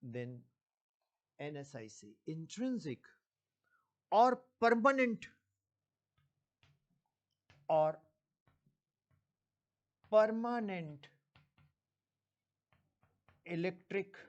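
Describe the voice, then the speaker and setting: A man's voice: high voice, animated, drawn-out words, long pauses. A man with an Indian accent teaching a physics lesson, mixing Hindi and English and asking his students questions as he goes. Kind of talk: classroom physics lecture.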